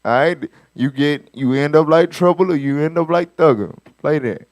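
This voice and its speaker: High-voiced animated man hosting a talk show. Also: normal speed, no echo. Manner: animated, laughing, slangy. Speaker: host. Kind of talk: casual commentary on clips.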